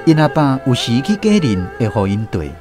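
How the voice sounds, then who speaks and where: A male actor with a Taiwanese accent narrates a family tale as the storyteller in a radio drama, over background music. His mid-range voice swings widely in pitch at a moderate pace, staying close to how he'd normally talk.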